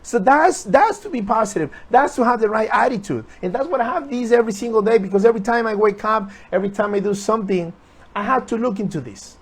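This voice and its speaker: High-voiced earnest motivational man. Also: fast, hardly any pauses, husky. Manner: earnest, repetitive, urging viewers. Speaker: motivational speaker. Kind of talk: motivational talk on a live stream.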